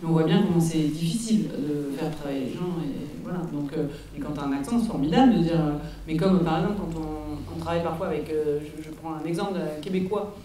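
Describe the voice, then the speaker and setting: Woman on a casting panel, lots of euh and restarts, mellow voice, far off in a big echoey room. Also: sits low, fast, few pauses. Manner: animated, lots of restarts and fillers. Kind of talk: public panel discussion. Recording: echoey hall, recorded from a distance.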